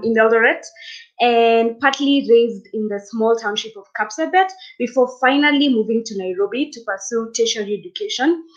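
A woman's voice: on the high side, lo-fi sound. A young woman from Kenya hosting an online arts forum, chatting upbeat as she reads viewer comments out over a webcam in a small room. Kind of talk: live-stream hosting, reading comments. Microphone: laptop webcam mic on a video call.

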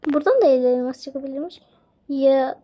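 Excitable high-voiced young woman gamer. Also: brisk. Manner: excitable, squeals and cries out in delight. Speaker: gaming channel host. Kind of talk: casual game commentary.

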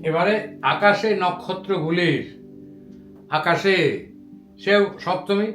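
A man teaching a grammar lesson to students, patiently reciting word forms slowly one by one. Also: sits high, fairly even intonation, a bit bright, roomy sound, faint music behind. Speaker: Sanskrit teacher.

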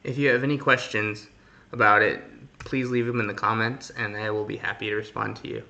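A man's voice: fairly low pitch, flat delivery, brisk, gravelly, sharp tone. A man narrating a casual travel vlog as a scripted voice-over. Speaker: vlogger narrating a visit.

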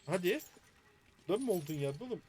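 A man's voice: high-pitched, lively intonation, normal speed, darkish tone, slight background noise. Frustrated man muttering through a game. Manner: frustrated muttering to himself while solving a puzzle. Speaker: gaming streamer. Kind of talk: let's play commentary.

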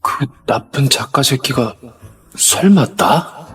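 Audio drama: actor as flustered young man, hesitant muttering, drawn-out pace, faint music behind. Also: mid-range voice, animated. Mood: flustered, dismayed.

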